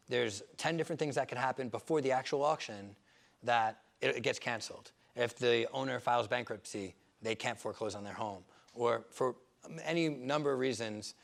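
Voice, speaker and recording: A man's voice: mid-range voice, creaky. A man talking casually at a seminar as a real estate investor, conversational and rambling, full of fillers and restarts.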